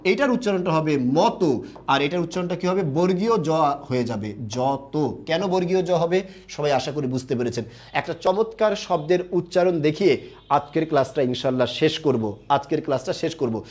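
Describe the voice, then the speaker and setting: A man's voice: a little high, lively intonation, normal speed, a little mellow. A young man teaching a live online class. He asks questions and answers them himself, and reads viewer comments aloud.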